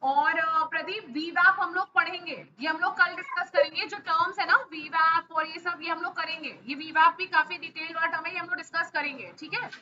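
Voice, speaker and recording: A woman's voice: extremely high pitch, fairly even intonation, fairly quick, few pauses, pushed and bright. A woman teaching a live online stock market class over a video call. She answers students' questions and keeps checking in with them. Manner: keeps checking in with frequent "ok?" and hesitation fillers. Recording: muffled audio with faint hiss.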